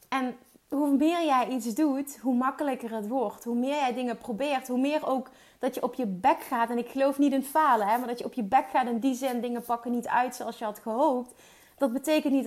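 A woman with a high voice speaks as a business coach in a motivational monologue. She talks with energy and drive, and she keeps slipping English words into her sentences.

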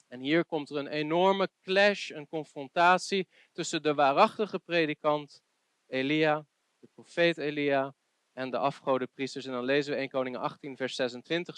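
A man preaching a sermon, telling a Bible story in a lively way and rising to emphatic peaks. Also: a little high, smooth, dry recording.

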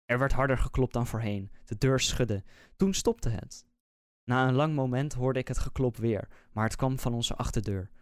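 A man, a podcast host, reading a scary story aloud in a slow, measured, suspenseful way. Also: medium pitch, steady tone, smooth, no echo, studio quality. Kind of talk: scripted horror story narration.

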